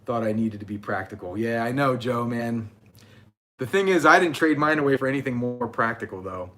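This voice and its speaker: A man's voice: medium pitch, brisk. A man in his forties hosting a casual livestream, chatting and reading viewer comments aloud. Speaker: channel host.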